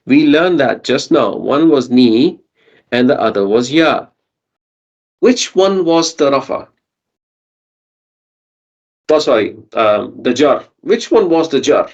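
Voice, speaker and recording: A man's voice: mid-range voice, animated, takes it slowly, pauses often, dull audio. A man teaching a Quranic Arabic grammar lesson online, patiently asking his students questions and checking in with them.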